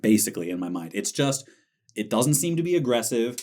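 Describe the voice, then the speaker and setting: Animated male podcast co-host. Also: medium pitch, a little fast. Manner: animated, acts out quoted voices. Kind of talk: casual chat.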